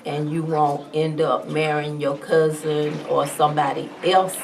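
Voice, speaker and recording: A woman's voice: low-pitched, little pitch movement, a little slow, vocal fry. A woman answering an interview question in a matter-of-fact, wry way. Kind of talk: casual interview. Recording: distant mic, faint ambient noise.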